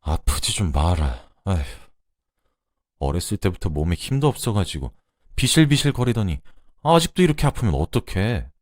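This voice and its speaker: A reserved middle-aged man speaks in short, blunt phrases, very low and quiet, as a man plays him in a radio drama. The tone stays gentle under the gruffness, and the recording is close and dry. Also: big pitch swings, normal speed, no room sound. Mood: fretful. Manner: blunt, curt, low-key.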